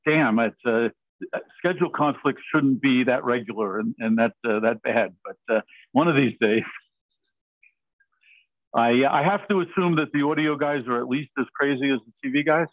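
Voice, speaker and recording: A man's voice: mid-range voice, normal speed, no room sound. A man hosting a meeting in jokey, rambling casual chat over a video call. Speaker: meeting host. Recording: tinny video-call audio.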